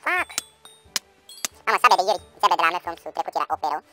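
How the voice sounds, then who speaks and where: A man giving excitable let's-play commentary, swearing and yelling at enemies over loud game music. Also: high voice, rough recording. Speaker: gaming channel host.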